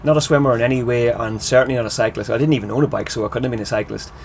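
An Irish man gives a relaxed interview in the back of a van in a car park. His voice is mid-pitched and very creaky, with light background noise around it. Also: rapid-fire. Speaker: interview guest, triathlete and coach. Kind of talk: casual interview chat.

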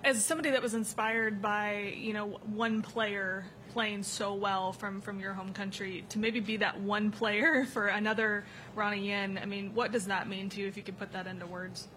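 Bright, flat-pitched female reporter. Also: normal speed, few pauses, slight background noise, rough recording. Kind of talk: press conference question.

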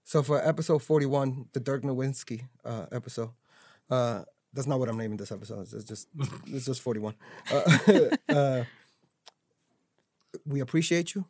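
A man's voice: mid-range voice, normal speed, darkish tone, no echo, studio quality. A man hosting a casual podcast chat, loose and joking, often stumbling and restarting his words. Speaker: podcast host.

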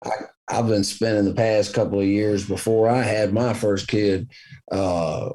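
Folksy Southern US man, lowish voice. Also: steady tone, unhurried, dark tone. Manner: folksy, earnest, repeats himself for emphasis. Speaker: hunter in conversation. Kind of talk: casual conversation, storytelling.

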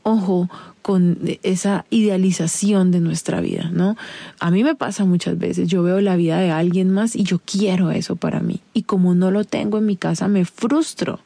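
A woman talks straight to her listener, confiding and direct, as she hosts her own advice podcast. Her voice is dark and mellow with a gravelly fry, and it sits close and dry with no room sound around it. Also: on the low side, steady tone, normal speed, no echo. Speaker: podcast host. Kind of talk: casual advice monologue.

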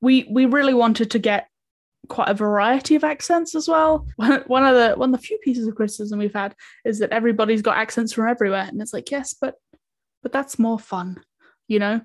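A woman's voice: fairly high pitch, fairly quick. A woman from New Zealand with a mixed New Zealand and English accent, chatting casually and laughing as a podcast co-creator and writer. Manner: lively, laughing, swears casually. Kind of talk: casual chat.

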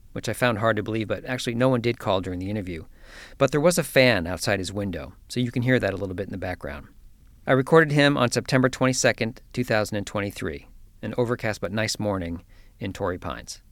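Curious man hosting a podcast. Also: fairly low pitch. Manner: curious, chatty, with frequent restarts. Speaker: podcast host. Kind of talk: scripted intro narration and casual interview.

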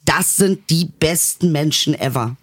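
Husky woman cohost, animated teasing storyteller, live comedy podcast. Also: low voice, a little slow. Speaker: podcast co-host.

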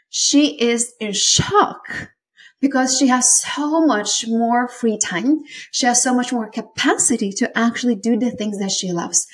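A woman in her thirties from Lithuania with a Lithuanian accent, hosting a solo business podcast in an earnest, effusive way. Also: fairly high pitch. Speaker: podcast host. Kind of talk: warm solo podcast talk.

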